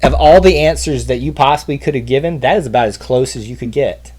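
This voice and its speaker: A man's voice: mid-range voice, quick pace, a little mellow, breathy edge. A man with a Southern accent co-hosting a casual trivia livestream, chatty and enthusiastic, often trailing off and restarting. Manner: enthusiastic, rambling, self-interrupting. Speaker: trivia show co-host.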